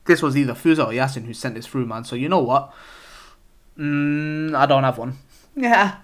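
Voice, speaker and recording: Laid-back young podcast host. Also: male voice, mid-range voice, expressive, moderate pace. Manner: laid-back slang-heavy banter, laughs often. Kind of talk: casual solo podcast chat. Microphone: close podcast mic.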